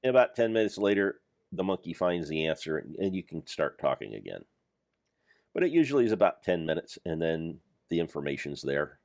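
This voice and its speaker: A man's voice: sits low, big pitch swings, a little fast, vocal fry, a little mellow, no echo, clean studio sound. An older man giving rambling, self-deprecating commentary over his gameplay of a Minecraft mod pack. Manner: meandering, self-deprecating, jokey.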